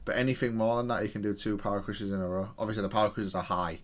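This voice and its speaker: Very fast and fairly even in intonation, a lowish-voiced content creator talks through his own gameplay in a casual way. He's analytical, thinking aloud and revising what he says as he goes.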